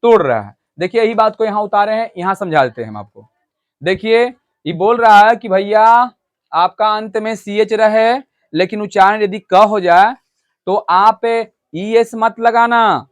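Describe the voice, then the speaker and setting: A man's voice: high-pitched, measured pace. A man teaching a classroom English grammar lesson. He explains step by step and keeps asking the students whether they have understood. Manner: switches between loud stressed points and quiet asides to the class.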